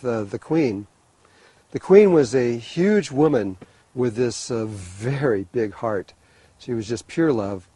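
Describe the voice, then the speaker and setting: Husky, warm-toned man telling a story. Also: medium pitch, dry recording, low-quality recording. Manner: rambling, animated storytelling with restarts. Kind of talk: storytelling talk.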